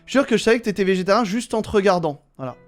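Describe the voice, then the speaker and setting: A man's voice: sits high, lively intonation, very fast, soft background music. A man streaming live, reading viewer messages aloud and commenting on them with wry jokes.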